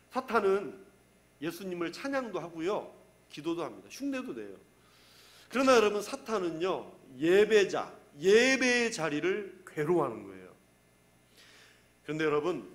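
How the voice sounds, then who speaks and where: A middle-aged man preaches a sermon in a high voice that climbs and drops with animated swings. He repeats his key phrases for emphasis and keeps asking the congregation questions. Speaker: pastor.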